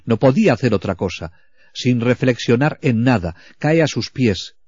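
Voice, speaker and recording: A man's voice: mid-range voice, lively intonation, normal speed, darkish tone, breathy edge, no echo. Reflective man preaching at a retreat. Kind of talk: spiritual retreat talk. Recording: dull, lo-fi, dry recording.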